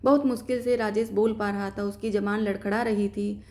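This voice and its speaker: A woman's voice: mid-range voice, fairly even intonation, moderate pace, darkish tone. A woman narrating a scripted emotional story and reading every character herself.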